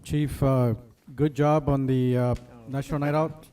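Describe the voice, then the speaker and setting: A distant recording with faint noise carries a man's mellow voice. He makes informal remarks at a public meeting, with little movement in his pitch. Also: flat delivery, a little slow. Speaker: meeting participant. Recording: slightly noisy, away from mic.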